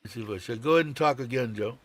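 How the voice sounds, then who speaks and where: A man with a deep, rumbling voice hosting a casual livestream, rambling and hesitant as he chats. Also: very fast, fairly bright tone. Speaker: host of a livestream show.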